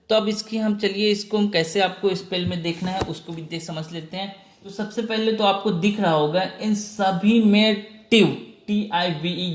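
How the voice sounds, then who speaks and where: A man teaching an exam vocabulary lesson, spelling words out letter by letter and answering his own questions. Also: high-pitched. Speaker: English teacher. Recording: echoey room.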